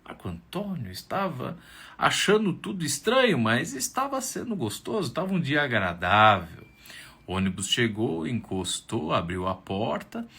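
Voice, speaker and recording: Animated Brazilian man telling a story. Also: medium pitch, normal speed, creaky, husky. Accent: Brazilian Portuguese. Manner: animated, with tag questions and bursts of shouting. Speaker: camp storyteller. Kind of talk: oral storytelling.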